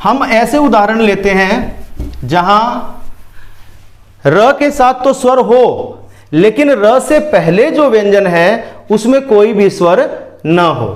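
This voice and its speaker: Male teacher, high voice, slow and patient, walks children through each step and checks they follow. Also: lively intonation. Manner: slow, patient explaining with frequent questions to pupils. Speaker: Hindi grammar teacher. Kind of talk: classroom lesson.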